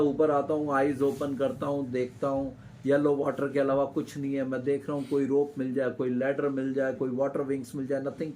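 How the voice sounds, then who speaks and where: A male teacher who reads lines from a lesson slowly and explains them with dramatic swings in pitch and loudness. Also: slight background noise, low-quality recording.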